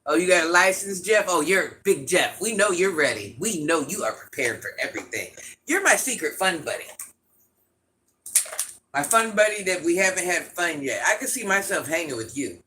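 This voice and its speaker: Hosting a livestream in the guise of a grandmother, a man with an itchy, scratchy throat chats casually through viewer comments, tossing in quick laughs and asides. His voice is high, animated, and sharp in tone.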